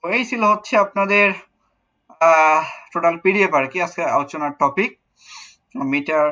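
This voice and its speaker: A man's voice: on the high side, moderate pace, bright, forceful tone, rough recording. A young adult man with a Bangladeshi accent teaching an online class, explaining step by step and repeating key words as he answers questions.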